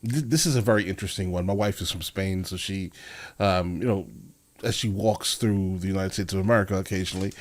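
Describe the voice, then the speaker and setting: A man's voice: sits low, quick pace. Joking man reacting to clips. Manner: blunt joking interjections. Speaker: reaction video host. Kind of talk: casual reaction commentary.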